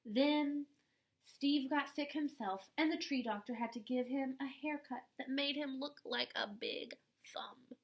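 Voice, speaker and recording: A woman with a high voice reads a picture book to young kids, sounding expressive and deliberate in the manner of a storytime teacher.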